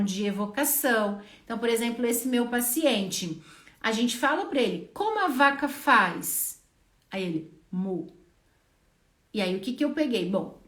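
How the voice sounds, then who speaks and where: A young Brazilian woman with a slightly high voice teaches fellow speech therapists live. She stays animated and breaks into loud, exaggerated sound demonstrations. Her voice rings in an echoey room. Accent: Brazilian Portuguese.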